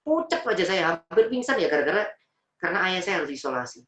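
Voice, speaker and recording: Fast-talking Javanese-accented male preacher, echoey room. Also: high voice, recorded from a distance. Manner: emotional, animated storytelling, mixing in Javanese words. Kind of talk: personal story in a religious talk.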